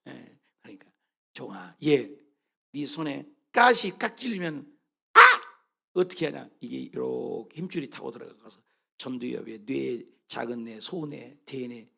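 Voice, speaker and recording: A male pastor preaching a sermon, reading scripture aloud with loud fervent rises and soft asides, repeating phrases and asking the congregation questions. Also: medium pitch, animated, unhurried, creaky, slightly rough.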